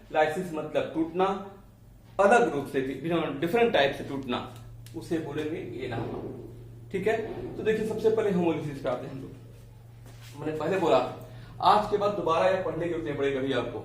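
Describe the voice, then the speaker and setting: A man's voice: fairly high pitch, a little mellow, heavy reverb, recorded from a distance, slight background noise. A man teaching chemistry in a lecture style, explaining with everyday analogies and often checking in with his students. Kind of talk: classroom lecture.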